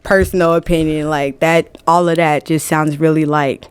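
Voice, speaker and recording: A woman's voice: sits low, flat delivery, moderate pace, clean tone, no echo. A woman from New Jersey, raised in Atlanta, talking frankly and emphatically as a guest on a casual podcast, often laughing. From born in New Jersey, raised in Atlanta. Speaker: music management guest.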